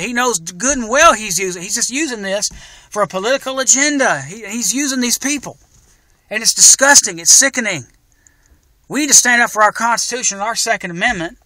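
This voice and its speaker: A man's voice: high-pitched, sharp tone, no room sound. A man delivering an angry video rant, indignant and repetitive, often stumbling and restarting his sentences. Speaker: video blogger. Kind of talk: angry ranting commentary.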